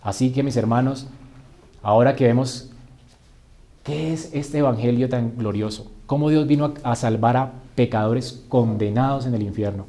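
A man preaching a sermon, asking his listeners rhetorical questions and swinging from hushed lines to loud, rising emphasis. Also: mid-range voice.

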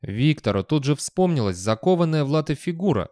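A man narrating an audiobook in an even, measured storytelling manner. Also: on the high side, no room sound, studio quality.

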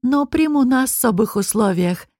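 A woman voicing a sneering, smug male high demon nobleman in an audiobook, with a mocking, taunting drawl. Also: animated, normal speed, a little mellow, no echo, studio quality. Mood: gloating. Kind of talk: audiobook character reading.

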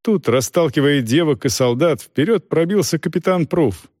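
A man's voice: on the high side, expressive, normal speed, a little mellow, dry recording, studio quality. A man narrating a novel aloud, voicing many characters with expression. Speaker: audiobook narrator. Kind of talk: scripted narration.

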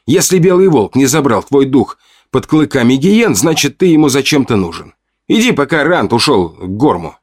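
A man voicing a wiry, gruff tribesman in an audiobook, who talks in short, snapping bursts. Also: mid-range voice, sing-song, moderate pace, darkish tone, dry recording, studio quality, voice pushed up. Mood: snappish. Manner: snapping, curt. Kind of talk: audiobook character voice.

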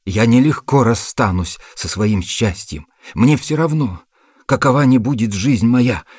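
A man's voice: fairly low pitch, expressive, normal speed, mellow, slightly rough, no room sound, clean studio sound. A man voicing a jilted young woman in a storybook reading, threatening revenge and pleading desperately. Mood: furious. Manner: threatening, then tearful and pleading.

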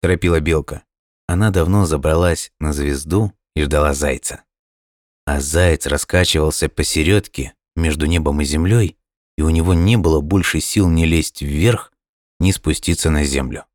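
In a calm, unhurried way, a very deep-voiced man reads aloud from a children's storybook. The sound is dry and intimate.

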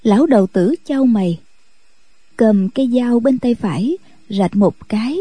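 Woman reading a story on radio, really dark mellow tone, husky, dry close mic. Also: fairly high pitch, lively intonation, unhurried, no room sound. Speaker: narrator.

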